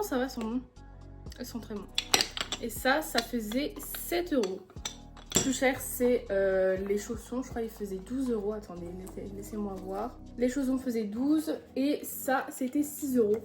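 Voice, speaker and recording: Chatty young woman, bubbly haul vlog. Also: on the high side. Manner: chatty and enthusiastic, gushing over purchases. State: a little out of breath. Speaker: vlogger. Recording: background music.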